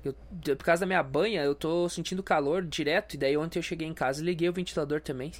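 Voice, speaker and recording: A man's voice: a little high, steady tone, quick pace. A young man with a stuffy nose, hosting a crude, self-mocking comedy podcast rant. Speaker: podcast host.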